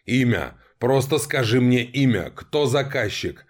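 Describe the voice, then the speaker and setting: A man voicing a ruthless, desperate young interrogator who barks threats and slow demands. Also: on the low side, expressive. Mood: shouting. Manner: threatening, barking, drawn-out demands.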